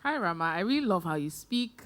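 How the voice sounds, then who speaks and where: Lower-voiced woman judge, earnest, trips on her words a bit. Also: animated, fairly quick, a bit bright, a little hiss or hum. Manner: earnest, stumbles on starts. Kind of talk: live talent show feedback.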